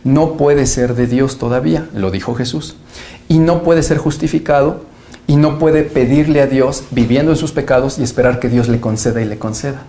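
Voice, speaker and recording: A man's voice: mid-range voice, mellow. A man, a pastor answering interview questions in an earnest, emphatic preaching manner, often quoting scripture.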